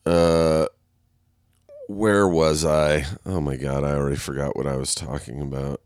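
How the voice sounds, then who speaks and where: A man with a bass voice hosts a casual solo podcast, recording alone while waiting on a set. His tone is level, a little slow and a little mellow, captured as a dry, clean studio recording. He rambles, swears, laughs often at himself, and sounds congested and nasal.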